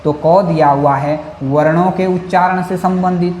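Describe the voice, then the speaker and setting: A man's voice: high-pitched, fairly even intonation, measured pace, darkish tone. A male Sanskrit teacher giving an exam-prep lecture, repeating points and often saying "jī hā̃" as he goes. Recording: echoey room with faint noise.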